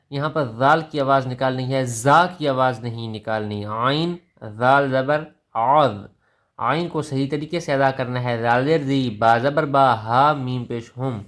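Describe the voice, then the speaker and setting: A Quran recitation teacher, a man with a Pakistani Urdu accent, gives a tajweed lesson. He talks in an ordinary middle pitch, patiently naming each letter and its vowel mark. Then he chants the words of the verse slowly. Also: fairly bright tone.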